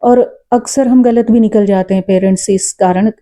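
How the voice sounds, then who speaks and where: A woman tells a personal story in an earnest, reflective way, often pausing with fillers. Her voice is very dark and mellow. Her pitch sits in a middle range. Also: fairly even intonation. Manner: says she talks loud and forcefully. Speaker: storyteller vlogger; mother. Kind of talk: casual spoken storytelling.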